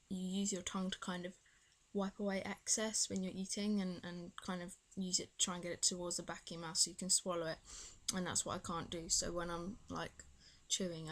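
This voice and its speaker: A young British woman chatting casually in a video diary, rambling and hesitant, her speech slightly impeded by a swollen tongue. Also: lowish voice. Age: young adult. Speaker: vlogger.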